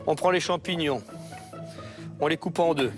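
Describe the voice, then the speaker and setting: A man with a voice on the high side cooks through a recipe at a moderate pace while music plays in the background. As a chef, he lays out each step clearly and checks in with short tags to ensure he's understood.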